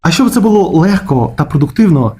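A man with a Ukrainian accent teaching German grammar in a casual explanatory lesson, slowing down to stretch out example words. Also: a little high, sing-song, dark tone.

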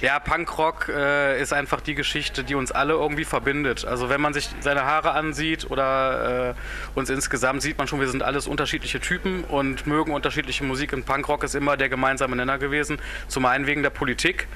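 An easygoing man from a band jokes through a casual interview. His voice is bright and lively at a middle pitch, with faint room noise around him. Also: a little fast. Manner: joking, easygoing. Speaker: band member.

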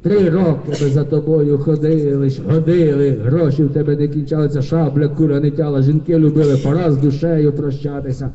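A man playing a sly male devil who comes to collect a soul, speaking with low, hushed menace, recorded from afar in a concert hall. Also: little pitch movement, brisk, few pauses, distant mic, highs cut off, natural voice. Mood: menacing.

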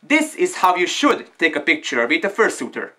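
A man talks from inside a costume head, so his voice comes out muffled. His delivery is bright and lively, swinging freely in pitch. He stays blunt and jokey throughout. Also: moderate pace. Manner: joking, blunt, swears for emphasis. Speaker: vlogger giving fursuit tips. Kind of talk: casual tips video.

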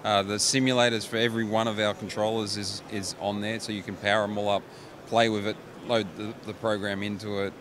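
A middle-aged man with a fairly low voice explains his company's products at a trade show booth, restarting his phrases often. He talks into a handheld mic, and the steady noise of a busy exhibition hall fills the background. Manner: explains products with frequent restarts and quick agreements. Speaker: company managing director. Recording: noisy trade show floor.

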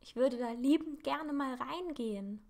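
A woman reading aloud puts on a curious teenage witch girl for a storybook reading, her voice lifted high and eager. She sounds bright and excitable, and turns squeaky when startled. She speaks slowly and with care. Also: vocal fry. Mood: fascinated.

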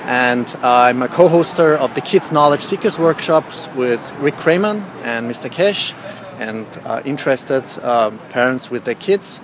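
A man's voice: medium pitch, lively intonation, unhurried. A man in his forties who grew up in Austria, giving an earnest on-camera statement outdoors beside a building, full of restarts. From Austria, born in Iran. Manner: earnest, lists ideas with many restarts. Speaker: interviewee at an institute opening. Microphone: handheld camera close up. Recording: outdoor street noise.

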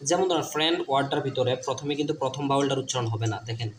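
A man teaching a lesson, spelling words letter by letter and slowing down to sound out each syllable, repeating key points and checking in with his listeners. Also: medium pitch, noisy background.

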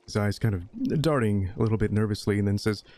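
A man narrating a tabletop game as game master, descriptive and brisk. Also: lowish voice, a little mellow, a little hiss or hum.

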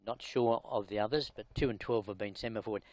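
Brisk male horse racing commentator. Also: fairly low pitch, steady tone, a little mellow, dry recording. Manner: brisk, informal, rising emphasis on horse names. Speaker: race caller.

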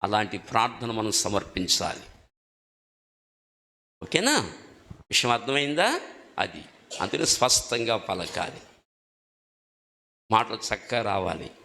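A man's voice: on the low side, sing-song, a little slow, gravelly, pauses often, bright, forceful tone. A male preacher giving a sermon, emphatic, putting questions to the congregation and repeating key words. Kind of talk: sermon teaching on prayer. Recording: long hall reverb.

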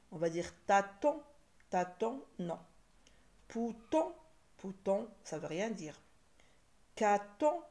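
Woman teacher, slow careful delivery, low voice, repeats words, phonics lesson. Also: darkish tone. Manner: slow, deliberate, repeats each word for learners. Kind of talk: French spelling and phonics lesson.

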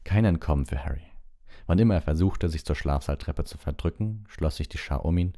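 A man reading a storybook aloud as an audiobook, in a calm, measured storytelling manner with small slips. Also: extremely low pitch. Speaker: audiobook reader.

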